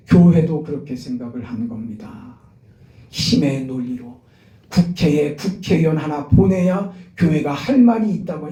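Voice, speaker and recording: A man preaches with fervor, his mellow, fairly high voice sinking to near-whispers and then climbing to loud, pleading peaks. He is caught from some distance, and the church around him rings with echo. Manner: impassioned preaching, swings from hushed to loud. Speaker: pastor. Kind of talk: sermon. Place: church sanctuary.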